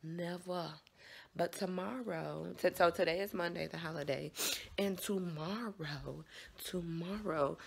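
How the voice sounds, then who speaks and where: An American vlogger chats casually to her viewers in a scratchy, raspy morning voice, folksy and repetitive. She speaks at a measured pace with a fairly low pitch.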